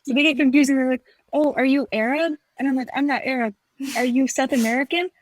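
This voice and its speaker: This young woman co-hosts a podcast, talking fast in a high voice with a steady tone. She's chatty and leans heavily on fillers, playing out remembered exchanges as she goes. The sound has no echo.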